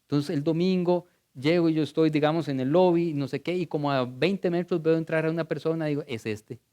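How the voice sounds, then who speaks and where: A middle-aged male pastor, preaching a sermon in a church. He tells stories in a conversational way and swings between loud and hushed. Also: on the high side, a little fast, smooth.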